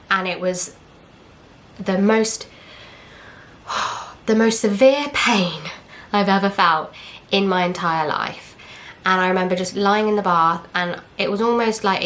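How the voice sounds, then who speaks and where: A woman's voice: lowish voice, steady tone, measured pace, a bit bright. A young woman from England, candidly telling a personal story in casual chat, acting out what others said. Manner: candid, chatty, retells with quoted dialogue and fillers. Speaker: vlogger.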